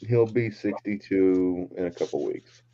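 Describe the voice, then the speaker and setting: A man's voice: sits low, a little slow, dark tone. A man in his late twenties hosting a casual chat show, joking and swearing freely with his friends. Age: 20s. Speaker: podcast host. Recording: dull lo-fi sound with faint noise.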